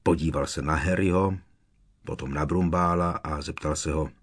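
Deep husky male audiobook narrator. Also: steady tone. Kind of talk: scripted narration.

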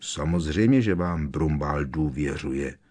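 A grizzled old hunter of dark wizards growls his words slowly, with a quiet threat under them, as a male narrator puts him on. The voice is deep and rough, a storybook bruiser. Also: animated. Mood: menacing. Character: gruff, grizzled older male monster hunter. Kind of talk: audiobook character voice.

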